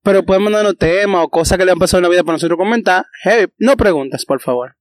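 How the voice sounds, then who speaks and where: Guy rattling off podcast plugs quick, high voice. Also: no echo. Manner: rapid, joking, repeats words. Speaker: podcast co-host. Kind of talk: casual chat.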